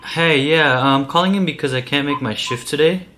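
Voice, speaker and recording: Bright-voiced young man, hesitant and pleading. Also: on the high side, moderate pace, a little hiss or hum. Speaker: prank caller posing as a new employee. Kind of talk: casual phone prank conversation. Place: small indoor room.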